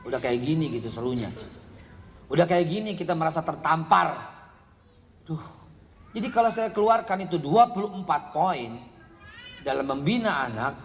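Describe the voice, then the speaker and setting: Middle-aged man, preacher, high-pitched, animated sermon, quiet asides and loud outbursts, long hall reverb. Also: fairly quick, long pauses, a little hiss or hum. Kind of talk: parenting sermon to a congregation.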